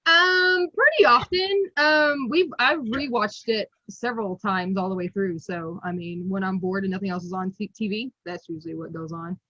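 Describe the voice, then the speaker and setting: A woman's voice: medium pitch, moderate pace, hardly any pauses, sharp tone, dry recording. A woman in her thirties chatting casually as an interview guest, laughing often between her thoughts, heard over a video call. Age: 30s. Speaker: guest collector. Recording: muffled, dry.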